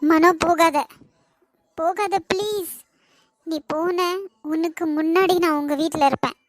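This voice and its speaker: A woman's voice: extremely high pitch, measured pace, dry recording. A woman voicing a lovesick young cartoon woman with a Kanyakumari Tamil accent, pleading and tearful with her ex. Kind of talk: cartoon voice acting.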